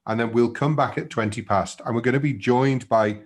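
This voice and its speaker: A man moderating an online seminar, upbeat and quick to praise, with frequent fillers. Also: mid-range voice. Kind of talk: webinar hosting. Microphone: video call.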